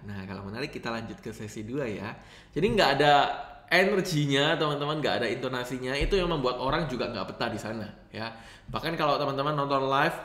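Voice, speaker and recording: A young man hosting a casual tutorial, talking with lively rise and fall and often turning to his viewers. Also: medium pitch. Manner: lively rising and falling intonation, addresses viewers often. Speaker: host of a channel teaching live streaming. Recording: roomy echo.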